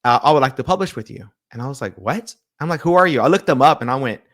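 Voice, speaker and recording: A man's voice: mid-range voice, very fast. A man who is a pastor and publisher, telling a story in a casual interview, acting out quoted dialogue and often restarting his sentences. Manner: animated retelling with quoted dialogue and frequent restarts.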